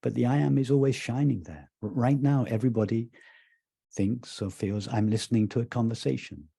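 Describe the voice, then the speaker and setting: A man, a spiritual teacher, talking slowly and calmly in a roundtable discussion, often repeating words as he explains. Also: mid-range voice, gravelly, husky, no room sound, clean studio sound. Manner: slow, repeats words, gentle emphasis.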